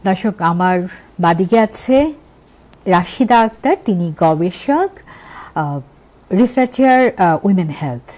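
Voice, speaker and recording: Mellow Bangladeshi woman hosting a talk show. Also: on the low side, expressive, slow, pauses often. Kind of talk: presenting a festive TV talk show.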